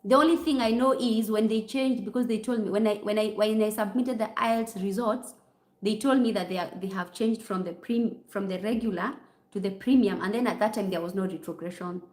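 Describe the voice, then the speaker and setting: A woman's voice: mid-range voice, brisk, a little mellow. A woman with a Kenyan accent chats with her livestream viewers, answering their questions one by one. She is casual and talkative and sprinkles in Swahili phrases. The recording carries a noticeable room echo. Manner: chatty, mixing in Swahili phrases. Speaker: nurse. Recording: roomy echo.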